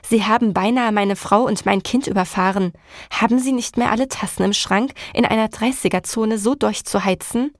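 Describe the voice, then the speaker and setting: A woman voicing an angry grown man who shouts indignantly at a driver in an audiobook scene. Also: mid-range voice, moderate pace, no room sound, clean studio sound, natural voice. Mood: furious. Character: furious father, a grown man.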